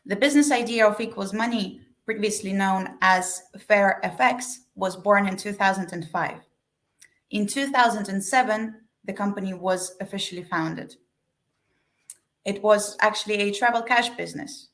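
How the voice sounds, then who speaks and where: A woman's voice: mid-range voice, normal speed, fairly bright tone. A young woman from Estonia, giving a business webinar and reading from a prepared script. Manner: reads a prepared script evenly. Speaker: webinar speaker, sales manager.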